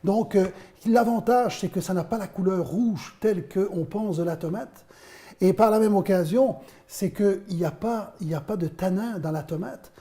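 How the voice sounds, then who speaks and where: A man's voice: high-pitched, normal speed, warm tone. A man in his fifties, originally from Belgium, a wine producer explaining his work in an interview with frequent hesitations. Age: 50s. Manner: explanatory, storytelling with many hesitations. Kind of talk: interview answers.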